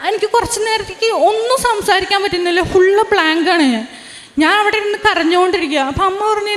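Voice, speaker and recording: A young woman with a very high voice gives an earnest religious testimony, retelling what happened and often breaking off to restart a sentence. Her words ring out with a long reverb, as in a large church hall. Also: a bit bright. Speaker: testimony giver.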